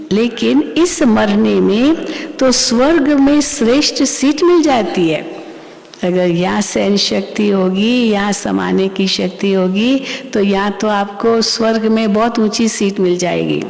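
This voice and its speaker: Gravelly woman preaching in a hall. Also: medium pitch, takes it slowly, darkish tone. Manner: storytelling, acts out quoted voices, asks listeners questions. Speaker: spiritual teacher. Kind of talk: murli class sermon with anecdotes. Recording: long hall reverb.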